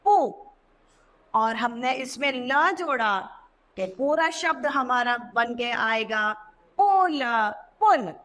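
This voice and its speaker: A woman teaching a children's Hindi lesson, sounding out words slowly and repeating them. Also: on the high side, sharp tone.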